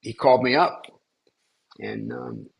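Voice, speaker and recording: Gravelly, halting older man telling a story. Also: rumbling low, wildly swooping pitch. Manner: rambling, halting, with many restarts and fillers. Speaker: spiritual teacher. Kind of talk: casual storytelling in a class.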